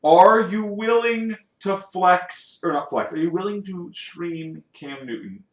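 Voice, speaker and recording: A man co-hosting a casual sports podcast, joking and animated with quick asides. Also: high voice, reverberant. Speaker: podcast co-host.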